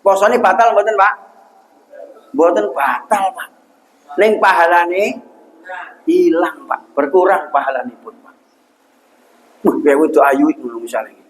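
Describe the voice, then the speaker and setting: A man's voice: a little high, measured pace, long pauses, slight background noise, rough recording. A young man with a Javanese accent preaching a humorous sermon in a mosque, asking the congregation questions and answering them himself. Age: young adult.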